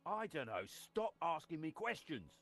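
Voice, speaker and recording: A man's voice: a little high, very animated, normal speed, a bit bright, soft background music. An actor playing a flustered, snappish male guard dodging questions in an adventure game.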